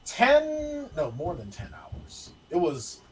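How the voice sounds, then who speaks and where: A middle-aged man telling family stories in a casual, animated way, acting out the quotes. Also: fairly high pitch, slow pace, slight background noise, low-quality recording. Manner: animated storyteller, acts out quotes. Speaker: guest, the host's father.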